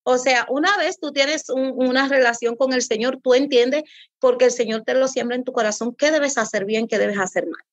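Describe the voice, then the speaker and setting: A woman's voice: high voice, normal speed, dry recording. A woman pastor speaking earnestly as an interview guest, in a preacherly way that repeats for emphasis. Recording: dull lo-fi audio.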